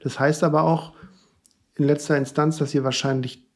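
A man's voice: fairly high pitch, flat delivery, moderate pace. A man hosting a podcast, asking long, rambling interview questions in a chatty way. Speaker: podcast host. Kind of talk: conversational interview.

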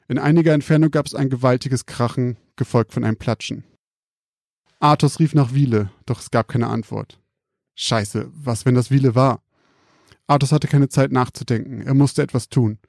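Man, scripted story narration, calm, measured, dark mellow tone, dry sound. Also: medium pitch, gravelly, dry recording.

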